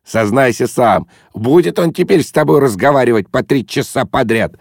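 Guy doing a cheeky loudmouth, jumpy high voice, kinda gravelly. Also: expressive, normal speed, dry recording, clean studio sound. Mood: cheeky, brash. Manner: boisterous, teasing, shouty bursts. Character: brash overfamiliar loud man, mocking, pushy.

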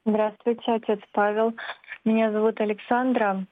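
A woman's voice: medium pitch, level tone, normal speed, dry recording. A woman in her late twenties calling in with a question, speaking shyly and politely, stumbling over her words. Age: 20s. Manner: shy, hesitant, polite. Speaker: caller. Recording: dry tinny phone line.

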